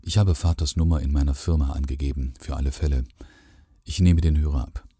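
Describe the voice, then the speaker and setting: Very deep, dark-voiced male storyteller. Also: breathy edge, dry recording, clean studio sound. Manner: calm, measured storytelling with lively quoted lines. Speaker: narrator. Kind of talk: literary reading, first person.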